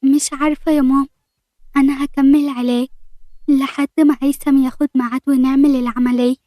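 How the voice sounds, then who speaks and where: A young bride hiding her illness, speaking softly to reassure those around her, voiced by a woman narrator. The voice is mellow, a bit high, and dry. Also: little pitch movement, a little fast, dry recording, close to an everyday voice. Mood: tearful. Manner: soft, reassuring.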